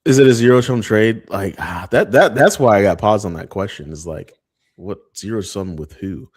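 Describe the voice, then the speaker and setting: A man's voice: on the low side, lively intonation, moderate pace, husky. A man co-hosting a podcast in loose, casual chat, joking and swearing freely. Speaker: podcast co-host.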